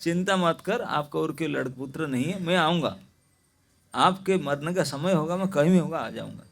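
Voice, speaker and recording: A young boy speaks firmly and plainly, set on leaving home, as a male preacher plays him. The preacher's own voice carries it, a little high for a man. It is a story figure told aloud in a spiritual lecture. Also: normal speed, vocal fry. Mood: reassuring.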